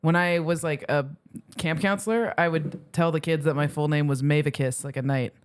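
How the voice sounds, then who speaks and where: A woman from Philadelphia, a comedian guesting on a podcast, bantering in a playful, quick-witted way. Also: low-pitched, fairly even intonation, smooth. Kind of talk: casual comedy podcast chat.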